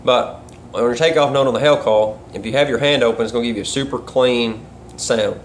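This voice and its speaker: A man's voice: mid-range voice, steady tone, a little fast. A man talking casually and instructionally in a folksy, rambling way with colloquial grammar. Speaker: duck calling instructor and caller. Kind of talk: casual instructional vlog talk. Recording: clear background noise.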